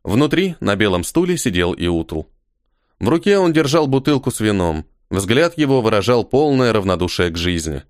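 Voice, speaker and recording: A man narrating an audiobook with an expressive, varied reading. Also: on the low side, normal speed, no room sound, studio quality. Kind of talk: scripted narration.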